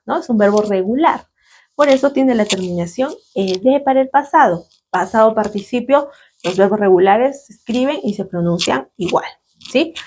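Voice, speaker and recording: A woman with a mid-range, slightly mellow voice and a Latin American Spanish accent teaches English grammar in a slow lesson. She explains patiently and checks in with students through frequent tag questions, with slight background noise audible.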